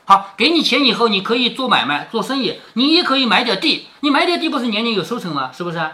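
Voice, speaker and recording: Lively, bright-voiced father explaining a story. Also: very high-pitched, fast talker. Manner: chatty explaining, frequent tag questions. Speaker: father reading aloud to his daughter.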